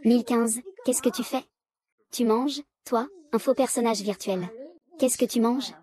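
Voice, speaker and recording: A woman's voice: a little high, a little slow, warm tone. A woman reading the dialogue of a dubbed drama, voicing every part in the same unchanging voice. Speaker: voice-over reader of a drama recap.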